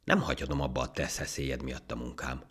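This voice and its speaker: A man's voice: very deep voice, level tone, a bit bright, slightly rough, exaggerated voice. A man voicing a small, proud and stubborn male ant in a storybook tale. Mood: indignant. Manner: indignant, offended. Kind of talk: storybook character voice.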